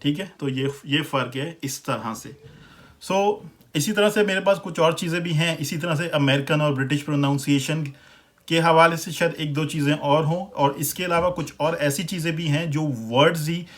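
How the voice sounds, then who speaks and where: A man from Pakistan with a Pakistani accent, giving a relaxed, conversational pronunciation lesson and repeating words slowly to compare them. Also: on the high side. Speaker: language teacher. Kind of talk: casual explanatory lesson.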